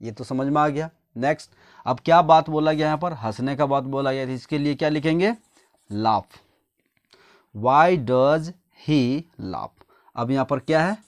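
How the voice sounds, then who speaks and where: A man's voice: on the high side, fairly quick. A man from India explaining English grammar step by step, asking his own questions and answering them, dictating example sentences word by word. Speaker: English teacher.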